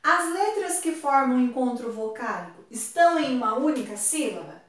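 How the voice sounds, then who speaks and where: A woman from Brazil teaching an online class, speaking slowly and patiently and drawing words out for her pupils. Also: sits high, very animated. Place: home room on a video call. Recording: very echoey room, far from mic.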